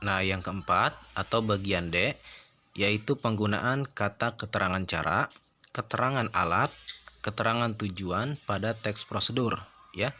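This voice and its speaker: Low-voiced male teacher explaining step by step. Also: a little slow, bright, forceful tone, a little hiss or hum. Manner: explains step by step, often adds "ya" and "nah". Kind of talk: classroom lesson.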